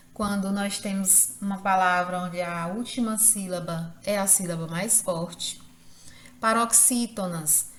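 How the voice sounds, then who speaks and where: Slow, careful woman teacher. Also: mid-range voice, roomy sound. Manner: slow, careful, stresses syllables. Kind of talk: grammar lesson.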